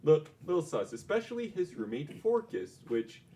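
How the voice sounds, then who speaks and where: A young man narrating a tabletop game as game master, halting with many fillers. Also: on the high side, very animated, warm tone.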